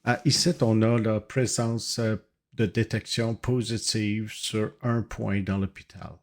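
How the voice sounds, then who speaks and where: Man playing a low-voiced, halting official. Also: little pitch movement. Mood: formal, concerned. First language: not French. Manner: halting, formal, hesitant. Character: formal, hesitant hospital security official, male. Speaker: hospital official or inspector. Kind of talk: improvised role-play.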